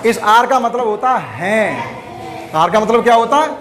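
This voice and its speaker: A man's voice: high-pitched, lively intonation, unhurried. A male primary school teacher giving a classroom lesson, spelling words out letter by letter and repeating them patiently. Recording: noisy classroom with chattering kids. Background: children in the class.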